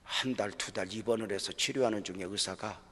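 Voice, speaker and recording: A middle-aged man preaching to fellow pastors at a seminar, telling a personal story with strong feeling, sinking to a hush and then rising loud again. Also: lowish voice, a little fast, slightly rough. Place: church hall. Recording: long reverb of a large hall.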